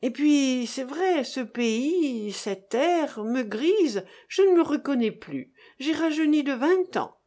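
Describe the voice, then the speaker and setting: Woman narrator voicing a gushing, fussy old man; animated, chattering. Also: high voice, slow pace, hardly any pauses, pitched above the performer's own voice. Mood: elated. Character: fussy excitable thin older man servant.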